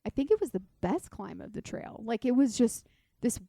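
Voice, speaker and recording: A woman's voice: fairly high pitch, big pitch swings, normal speed, creaky, mellow, no room sound. A woman co-hosting a podcast, telling stories in an effusive, dramatic way and filling her talk with "like.". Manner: effusive, dramatic storytelling with many "like"s. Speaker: podcast co-host. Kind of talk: casual podcast chat.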